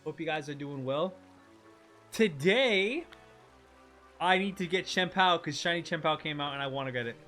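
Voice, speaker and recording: Casting: male game streamer, higher-pitched voice, excitable casual chat full of slang and repeated phrases, music underneath. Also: moderate pace, pauses often.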